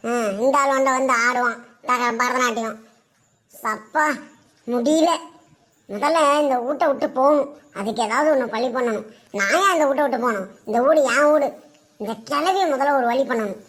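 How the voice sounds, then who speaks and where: A woman playing a sharp-tongued young wife who taunts her mother-in-law in a comedy skit, with a Kanyakumari Tamil accent. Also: sits high, normal speed. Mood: scheming. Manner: mocking, taunting.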